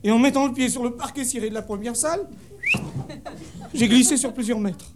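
A man telling a comic story on stage in a deadpan way, breaking into sudden high shouted punchlines. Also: fairly quick. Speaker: stand-up comedian. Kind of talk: comic monologue before a live audience. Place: theatre stage with a laughing audience. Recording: live show recording with crowd laughter and noise.

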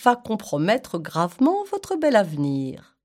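A woman's voice: mid-range voice, huge pitch swings, a little slow, darkish tone. A woman voicing a pompous rock python who speaks in long, formal, flowery sentences. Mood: grandiloquent. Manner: long-winded, formal and grandiloquent.

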